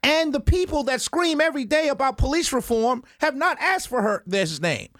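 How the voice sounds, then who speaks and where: A man holds forth on talk radio in a fiery, indignant rant. His voice sits high, and the dry, close studio sound keeps every jab up front. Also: lively intonation, normal speed, no echo. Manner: fiery, indignant, swings between loud outbursts and low mutters. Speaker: radio talk show host.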